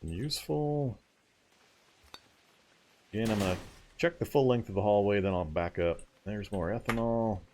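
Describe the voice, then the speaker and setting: A man's voice: fairly low pitch, moderate pace, long pauses, darkish tone, a little hiss or hum. A man streaming a video game live, thinking aloud as he loots, explaining game mechanics and chatting back to viewers with easy laughs. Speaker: let's play streamer.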